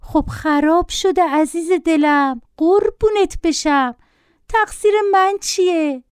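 A woman voicing a doting, indulgent mother who coos slowly and pleadingly. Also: fairly high pitch, dark tone, clear, resonant tone, no room sound, clean studio sound, close to an everyday voice. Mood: cooing. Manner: slow, cooing, pleading.

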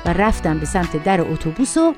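Animated middle-aged woman storyteller. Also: fairly low pitch, over music. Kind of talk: first-person story reading.

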